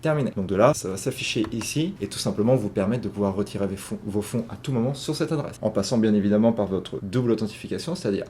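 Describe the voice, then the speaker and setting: A man's voice: lowish voice, fast, hardly any pauses, warm tone, slight background noise. A man walking viewers through a screen-recorded tutorial, explaining step by step with frequent fillers, recorded indoors at a computer. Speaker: tutorial host.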